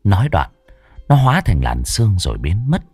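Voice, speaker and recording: A man narrating a scripted ghost story with dramatic, drawn-out slowdowns. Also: lowish voice, wildly swooping pitch, a little mellow, breathy edge, no room sound, faint music behind.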